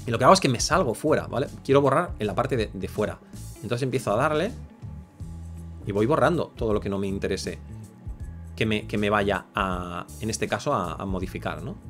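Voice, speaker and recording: Fast-talking man explaining software. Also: mid-range voice. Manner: chatty, explains step by step, frequent "¿vale?". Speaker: photo editing tutor. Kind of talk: screen-recorded software tutorial. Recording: faint background music.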